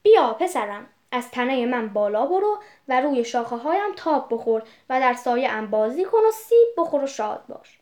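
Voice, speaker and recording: A generous old tree from a storybook speaks in a tender, pleading way, voiced by a woman reader. The voice sits high and soft. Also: sing-song.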